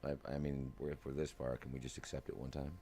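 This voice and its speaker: A man's voice: rumbling low, flat delivery, quick pace, mellow. A man giving casual, chatty commentary while streaming a flight simulator, narrating each step aloud with self-mocking asides.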